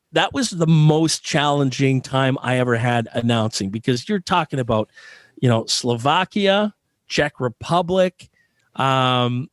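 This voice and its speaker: A Canadian man who works as a sports arena PA announcer answers as a guest in a conversational interview, earnest and emphatic, repeating phrases for stress. His fairly high voice is captured in clean studio sound with no echo.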